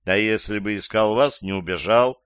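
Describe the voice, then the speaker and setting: A man's voice: fairly low pitch, normal speed, a bit bright, clear, resonant tone, no echo, lightly acted. A fed-up male investigator, read by a male audiobook narrator speaks in his own plain voice. He talks curtly and dryly, sighing at the nonsense around him. The sound is close and dry. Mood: exasperated. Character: exasperated male investigator Starkov. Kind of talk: audiobook character voice.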